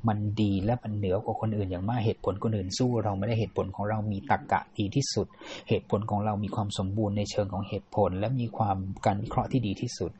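A man with a Thai accent hosting a podcast, speaking in a lecture-style monologue that switches between English and Thai, halting with fillers and restarts. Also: on the low side, steady tone, dark tone, lo-fi sound. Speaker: podcast host.

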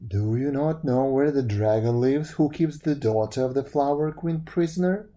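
An earnest, courteous young prince from a storybook, voiced with a mellow, warm tone by the narrator. He sounds polite and sincere, close to the reader's own voice. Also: mid-range voice, normal speed, lightly acted.

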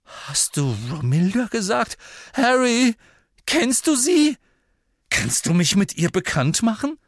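A man doing lovesick teenage Ron, breathy. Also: sing-song, slow, no echo, clean studio sound, exaggerated voice. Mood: eager hopeful. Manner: breathy lovestruck whispering, then shrill shouting. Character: lovesick teenage boy wizard, gushing, then furious.

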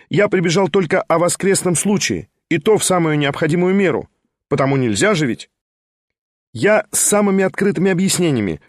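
A jittery, excitable young schemer, put on by a male reader pours out his words in a quick, lifted voice. He chatters and presses on without pause. The sound is dry and close. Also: fairly high pitch, no echo, voice pushed up. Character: eager fast-talking scheming young man.

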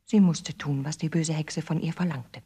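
A woman narrating a fairy tale in a measured, expressive storybook reading. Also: deep voice, breathy edge.

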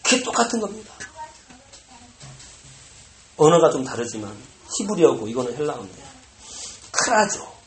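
A pastor delivering a sermon, animated and bursting into loud exclamations, recorded in a church sanctuary. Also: medium pitch, normal speed, pauses often. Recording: echoey room with faint noise.

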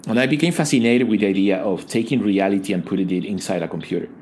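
With a low, slightly mellow voice, this Ecuadorian man chats casually as an interview guest who leads in digital design. He pauses to think, stumbles, and restarts often amid faint background noise.

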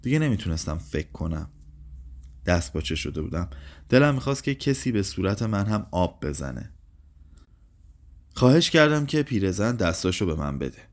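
Man calmly reading literary fiction. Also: low voice, pauses often. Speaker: storyteller. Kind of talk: literary narration.

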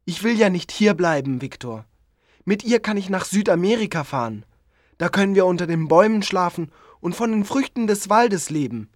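An actor voicing a lonely, pleading creature in a storybook audio drama, speaking slowly and sorrowfully. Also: medium pitch, animated, no echo, clean studio sound, lightly acted. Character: lonely, pleading giant creature made by a scientist. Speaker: narrator of his own story.

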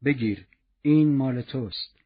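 A man voicing a calm, kindly male stranger in a storybook reading, speaking quietly and gently. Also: medium pitch, dull audio, pitched below the performer's own voice, natural voice. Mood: gentle.

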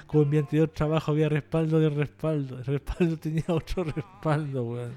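A man hosts a casual podcast monologue, joking, rambling and poking fun at himself. His voice is fairly high, a little fast and warm, though his delivery is flat. He's trying out a lighter, less forced voice than before.

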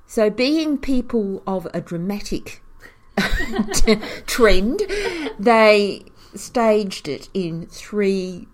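A woman's voice: medium pitch, very slow. A woman, caretaker of a historic cottage, telling its story with enthusiasm and frequent chuckles. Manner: animated storyteller, chuckles often. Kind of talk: storytelling in an interview.

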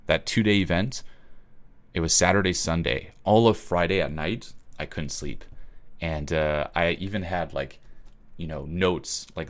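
A low-voiced Swiss man delivers an emphatic, no-nonsense motivational webinar. He curses freely and often pauses to ask "okay?".

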